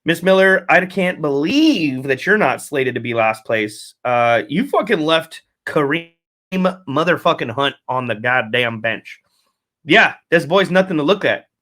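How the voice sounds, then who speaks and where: A man's voice: fairly high pitch, lively intonation, measured pace, fairly bright tone. A man hosting a casual solo fantasy football recap, rambling, swearing constantly and correcting himself. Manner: profane, rambling, self-correcting. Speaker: fantasy football podcast host.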